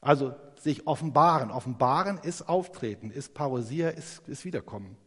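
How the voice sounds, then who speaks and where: A man giving a conversational Bible teaching sermon, lively and animated, often ending his points with a quick tag question. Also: fairly high pitch, breathy edge. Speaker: preacher. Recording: long hall reverb.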